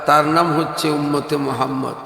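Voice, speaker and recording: High-pitched preacher chanting in an echoing hall. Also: male voice, little pitch movement, vocal fry, pushed and bright. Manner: chants long drawn-out melodic phrases, then speaks in quick storytelling. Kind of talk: sung Bengali waz sermon. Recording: echoey live hall sound with faint music.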